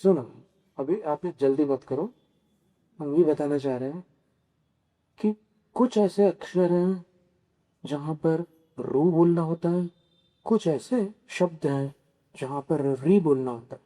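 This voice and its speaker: Monk preaching, male, unhurried and mellow, questions then answers, careful over pronunciation. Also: fairly high pitch. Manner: slow, teaching, poses questions to listeners and answers them. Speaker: Jain monk giving a scripture discourse. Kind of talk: sermon. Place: Kolhapur.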